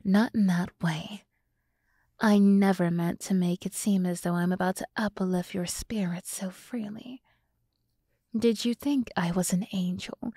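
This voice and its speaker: In an ASMR roleplay, a woman voices a sultry, teasing demoness summoned to serve a human, half-whispering softly right up against the mic. Her mid-range, slightly rough voice stays fairly level, slow and condescendingly soothing, yet scornful and menacing in mood. The recording is dry.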